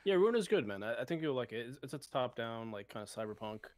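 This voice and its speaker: A man's voice: medium pitch, sing-song, quick pace, dry recording. A man co-hosting a casual gaming podcast, easygoing, running down the week's topics with fillers. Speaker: podcast co-host.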